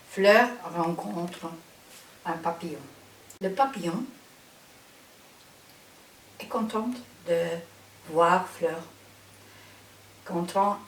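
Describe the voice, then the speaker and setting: A native Dutch-speaking woman with a Flemish accent, presenting an instructional introduction in careful, halting non-native phrasing. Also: medium pitch. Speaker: psychotherapist trainer and presenter. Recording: roomy, distant microphone with faint hiss.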